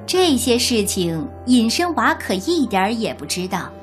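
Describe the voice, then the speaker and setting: Expressive woman telling a children's story. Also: fairly high pitch, faint music behind. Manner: expressive, deliberate.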